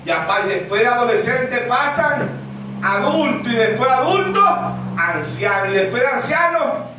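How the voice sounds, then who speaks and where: A man preaching a sermon as pastor, animated and full of rhetorical questions. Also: very high-pitched, normal speed, background noise. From Venezuela. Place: church sanctuary. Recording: echoey church room, mic far off.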